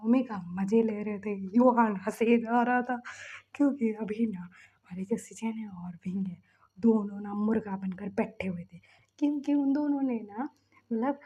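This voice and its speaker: A woman casually retelling a fan fiction story, chatty, jumping into the characters' lines with quick excited bursts and often dropping into a whisper. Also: mid-range voice, breathy edge, highs cut off. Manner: often drops to a whisper mid-narration.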